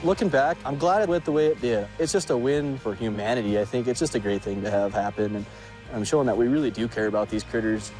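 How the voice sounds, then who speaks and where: A man's voice: mid-range voice, fast, poor audio. A man casually looking back on events in an interview. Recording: music laid under interview.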